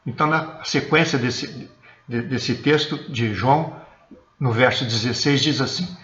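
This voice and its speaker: A man's voice: mid-range voice, unhurried, fairly bright tone, roomy sound, highs cut off. A man with a Brazilian accent, a church elder teaching a sermon for an online service and often checking in with his listeners. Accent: Brazilian Portuguese. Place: church, indoors.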